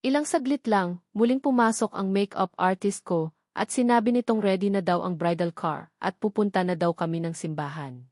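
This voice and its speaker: Reading a scripted first-person romance as an audiobook, a woman with a Filipino accent speaks in a mid-range, darkish voice at a moderate pace. The recording is dry and of studio quality.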